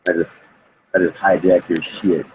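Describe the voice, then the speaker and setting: A man's voice: low-pitched, flat delivery, moderate pace. A man chatting casually and cursing loosely as a podcast guest, his voice tinny as if through a tin can over a cell phone. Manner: loose and profane, joking. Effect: tinny cell phone audio, like a tin can. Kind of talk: casual chat. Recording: muffled cell phone line with faint noise.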